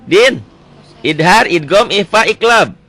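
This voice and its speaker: A man teaching Quran recitation rules one-on-one, quizzing his student with quick repeated questions. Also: high-pitched, lively intonation, bright, forceful tone. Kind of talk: one-on-one tajwid lesson.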